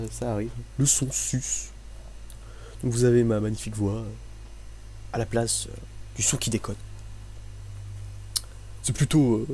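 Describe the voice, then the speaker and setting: A man's voice: medium pitch, dark tone, slight background noise. A young man from France giving casual, joking gameplay commentary, rambling and mocking himself as he plays. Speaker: gaming commentator.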